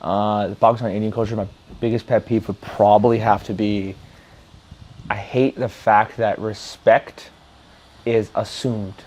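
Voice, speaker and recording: A man's voice: lowish voice, measured pace, a little hiss or hum. A man co-hosting a casual chat, telling stories bluntly and with plenty of swearing. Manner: blunt, profane, animated storyteller. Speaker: podcast co-host.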